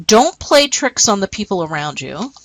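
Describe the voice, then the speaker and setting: A woman's voice: mid-range voice, big pitch swings, moderate pace, no room sound, low-quality recording. A woman teacher explaining a lesson and reading short stories aloud, often checking in with "okay?". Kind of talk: recorded classroom lesson.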